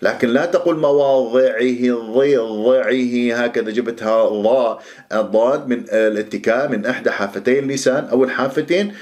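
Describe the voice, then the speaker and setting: A man gives a Quran recitation lesson at a medium pitch. He explains each rule in an everyday teaching voice, then slows right down to recite phrases with careful precision. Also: darkish tone.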